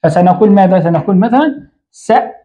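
A man's voice: high voice, lively intonation, fast talker, mellow, lo-fi sound. A man teaching Arabic grammar in an online lesson. He writes on a board as he explains, asks the learner a question, answers it himself, and often corrects his own slips.

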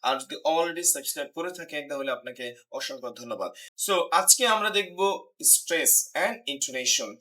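High-voiced man teaching English pronunciation. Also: sharp tone. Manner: explains slowly, repeats example words for practice. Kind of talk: spoken English lesson.

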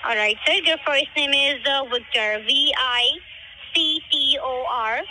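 Call center lady, high voice, keeps saying all right, noisy phone line. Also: a little slow, sharp tone. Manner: repeats "all right", patient, formulaic. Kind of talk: scripted customer service call. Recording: phone line with background noise.

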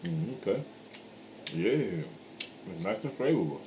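A man chewing while talking, relaxed and easygoing in a casual mukbang chat with his wife at a home table. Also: sits low, unhurried. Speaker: husband and co-host. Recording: clear background noise, clinking cutlery.

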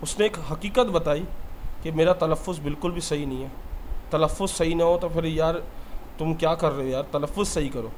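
Earnest high-voiced male teacher. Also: normal speed, a little hiss or hum. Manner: earnest and heartfelt, speaks about his own mistakes. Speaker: English teacher. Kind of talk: motivational lesson talk.

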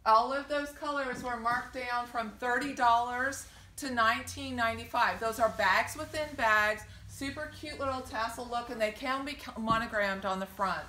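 Walking viewers from the outdoor doorway into her store, this woman in her forties runs a boutique and narrates a sale in a fairly high, sharp voice at normal speed. It's a casual sales video full of ums and effusive compliments, captured with roomy acoustics and faint noise behind her.

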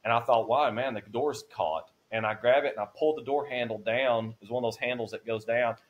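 A man in his forties, a podcast guest, shares an emotional personal faith testimony with earnest feeling, his voice rising when he's moved. He talks fast at a medium pitch with fairly even intonation. The audio is dull.

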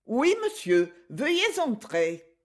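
A woman's voice: a little high, wildly swooping pitch, takes it slowly, voice pushed up, heavily acted. A woman voicing a young maid who answers the door with polite formality. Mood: prim polite.

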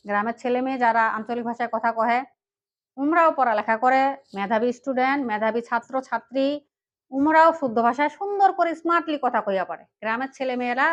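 A woman's voice: a little high, lo-fi sound. A woman from Panchagarh with a northern Bangladeshi dialect, talking earnestly to her viewers and often asking them "right?". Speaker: vlogger. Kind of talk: direct-to-camera talk.

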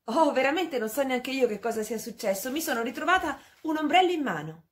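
A woman playing a cheerful, curious mouse girl who presents a children's puppet show, lively and exclaiming. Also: sits high, fairly quick.

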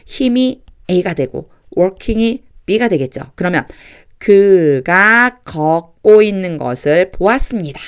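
A woman with a slightly low voice teaches an English Bible reading lesson. She explains patiently, repeating and breaking sentences into small chunks, and reads the verses aloud slowly and deliberately. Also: animated, smooth.

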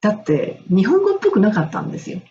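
A woman's voice: mid-range voice, wildly swooping pitch, fast talker, mellow, muffled recording, slight background noise. A middle-aged woman from Japan, an English and music coach, telling a personal story in a casual, enthusiastic monologue and laughing often.

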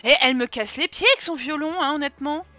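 Woman streamer from France, high bright voice, dry dull sound, faint game music. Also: fast talker, dry recording. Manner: chatty, teasing, talks to her game characters. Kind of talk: casual gameplay commentary.

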